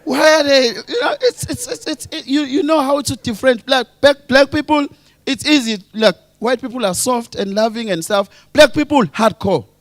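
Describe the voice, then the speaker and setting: Man, South African accent, stand-up comedian, animated, high-pitched, dry sound. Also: normal speed, no echo. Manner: animated, chants and acts out scenes.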